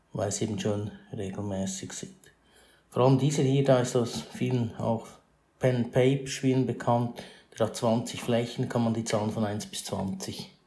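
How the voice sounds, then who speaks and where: A math teacher explains geometry in a screencast lesson, recorded with noticeable room echo. His medium-pitched voice is mellow and relaxed, and he works through the material with fillers and self-corrections.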